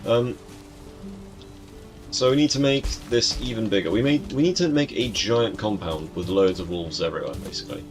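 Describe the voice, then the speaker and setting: Hoarse, rambling man streamer. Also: lowish voice, moderate pace. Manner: rambling, muttering to himself, teasing the game's creatures. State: losing his voice, hoarse. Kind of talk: casual gameplay commentary. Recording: music in the background.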